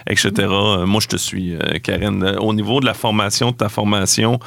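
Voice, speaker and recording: A man's voice: fairly low pitch, level tone, a little fast, gravelly, a bit bright, no echo. A man, hosting a casual interview with many hesitations and light jokes. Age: 40s. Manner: hesitant, filler-heavy, joking.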